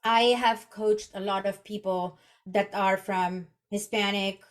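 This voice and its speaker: With a mid-range voice, level tone and measured pace, a Mexican woman in her forties reflects as an interview guest on a podcast. A native Spanish speaker and executive coach, she has a Mexican accent and frequently restarts her sentences.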